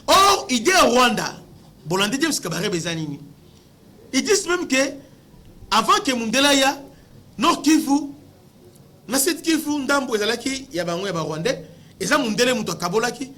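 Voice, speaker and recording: Speaking with a Congolese accent, this man from the Democratic Republic of the Congo offers fiery political commentary, emphatic and full of rhetorical questions, repeating words as he hunts for what comes next. His voice is very high and sharp, with lively intonation, normal speed and long pauses.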